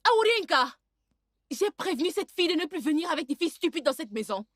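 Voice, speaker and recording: A spoiled young princess, very high voice, scolding and indignant, French film dub. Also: female voice, sing-song, a little fast, fairly bright tone, no room sound, studio quality.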